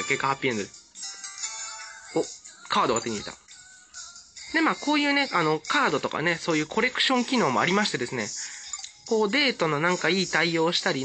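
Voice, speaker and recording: A man gives hyper, gushing let's-play commentary. His bright voice swings widely in pitch, with soft game music behind him.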